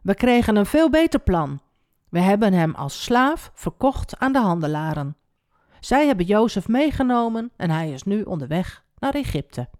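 A woman's voice: medium pitch, sing-song, moderate pace, a little mellow, dry recording, clean studio sound, lightly acted. A woman voicing scheming young brothers who talk slyly and mockingly, in a children's Bible story. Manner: sly, mocking.

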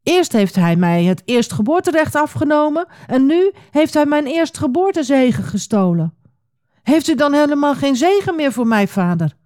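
A woman voicing a hot-tempered young male hunter, pleading and shouting in a storybook reading. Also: mid-range voice, lively intonation, moderate pace, no room sound, studio quality, lightly acted. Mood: distraught.

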